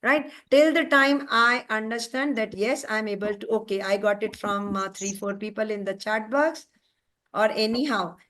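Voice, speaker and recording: A woman with an Indian English accent leads an online teacher-training class in a mid-range, fairly bright voice at a moderate pace. Emphatic, she stresses words and keeps checking in with her listeners by asking "right?"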